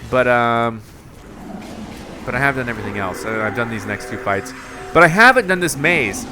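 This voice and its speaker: A young man giving casual, rambling commentary over his own gameplay, mocking himself and breaking into excited yells. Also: mid-range voice, normal speed, over music. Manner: self-mocking, rambling, bursts of excited yelling. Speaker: gaming commentator.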